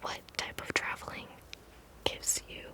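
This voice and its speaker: A woman performing ASMR in a soft, unvoiced whisper, drawing words out and repeating them. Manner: very slow, drawn-out, repeats words for tingles.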